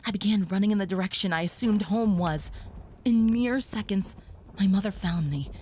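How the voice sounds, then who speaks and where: A natural-sounding, medium-pitched female voice plays a tender young vampire reassuring a human listener. Much of this audio roleplay is spoken softly or whispered, and faint background noise can be heard.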